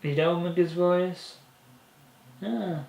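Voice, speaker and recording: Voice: mid-range voice, fairly even intonation, slow, vocal fry, a little mellow. Chatty fan film actor in an echoey room. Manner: chatty, rambling, laughs often. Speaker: fan film cast member. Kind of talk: casual behind-the-scenes chat. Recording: echoey room with faint noise.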